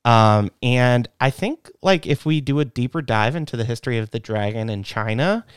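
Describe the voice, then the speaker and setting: A man co-hosting a podcast, pitching an idea in casual chat with lots of fillers and restarts. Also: expressive, moderate pace, clean tone, no echo, studio quality. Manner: rambling, many fillers and restarts. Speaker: podcast co-host.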